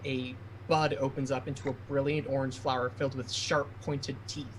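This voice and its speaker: Male game master, mid-pitched, faint noise. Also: level tone, moderate pace, rough recording. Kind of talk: narrating a tabletop game.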